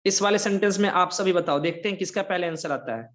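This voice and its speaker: A man's voice: high-pitched, quick pace, a bit bright. A man with an Indian accent teaching an online English lesson, mixing Hindi and English and often checking whether students follow. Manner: mixes Hindi and English, repeats checking questions. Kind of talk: online English grammar lecture.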